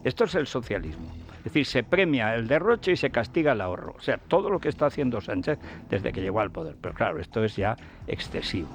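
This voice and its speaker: A man's voice: medium pitch, big pitch swings, fast, soft background music. A man hosting a radio show, delivering a scornful, combative political commentary with a sarcastic edge. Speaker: radio host. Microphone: radio studio mic.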